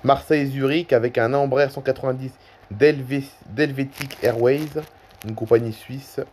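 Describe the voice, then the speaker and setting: A man at his desk talks through a flight-tracking map for his video viewers. His delivery is loose and conversational, full of small hesitations and self-corrections. His voice sits at an ordinary, middling pitch. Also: fairly even intonation, moderate pace, darkish tone, slight background noise. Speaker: YouTuber. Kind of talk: casual screen-recording commentary.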